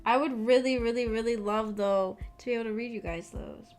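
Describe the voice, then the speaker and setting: There's background music as a young adult streamer who runs a visual novel book club rambles through answers to her audience, thinking out loud. She sounds a little high, a little mellow, and brisk.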